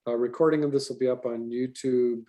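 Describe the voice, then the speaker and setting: Mellow-voiced male animation teacher. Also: mid-range voice, brisk. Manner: animated, talkative, with restarts. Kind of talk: online class lecture.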